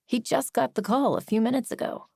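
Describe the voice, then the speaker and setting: A woman's voice: on the high side, fairly quick, creaky, slightly rough, dry recording, clean studio sound, voice pushed up. A woman voicing a sarcastic, teasing male best friend who works as a private eye, in an audiobook. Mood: wry. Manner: sarcastic, teasing, then gentle. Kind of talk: audiobook character voice.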